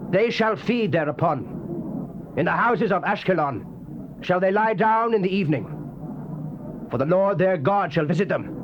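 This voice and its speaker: Reading the King James Bible as a dramatic scripture reader, this British man sounds solemn, theatrical and declamatory. His voice sits high with lively intonation, moving at a measured pace with long pauses. The audio is dull, from a noisy old cassette tape.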